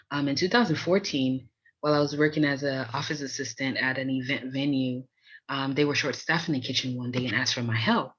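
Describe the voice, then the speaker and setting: This podcast host is an American woman from Miami whose voice rumbles low with a breathy edge. She shares personal stories in an introduction, recorded with lo-fi sound.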